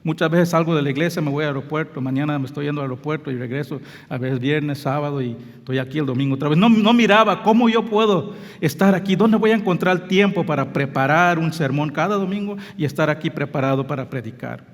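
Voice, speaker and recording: A man with a Belizean Spanish accent, English being his first language, preaches a sermon as pastor. His voice sits fairly high and turns earnest and emphatic at its peaks. The sound carries a long reverb of a church sanctuary. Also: fast.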